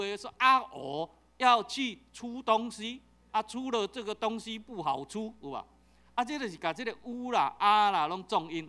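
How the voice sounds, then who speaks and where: A middle-aged man with a Taiwanese accent preaching a sermon, joking and telling stories with many repeated fillers. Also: sits high. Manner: jokey, animated storytelling with repeated fillers. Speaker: pastor.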